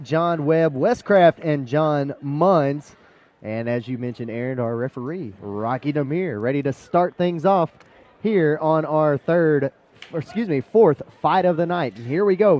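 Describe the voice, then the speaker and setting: A man's voice: fairly high pitch, darkish tone, dull audio. A man calling a live cage fight as play-by-play sports commentator.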